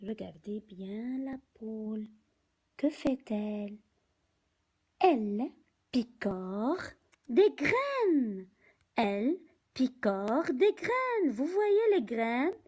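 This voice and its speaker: A woman teaching young children from a picture book, speaking slowly and deliberately, repeating words and counting aloud. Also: fairly high pitch, big pitch swings, a little mellow, husky, rough recording.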